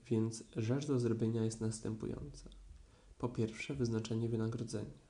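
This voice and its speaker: A man's voice: mid-range voice, steady tone, normal speed, mellow, close to an everyday voice. A man voicing a fussy, pompous female owl who loves long words, in a storybook reading. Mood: lecturing.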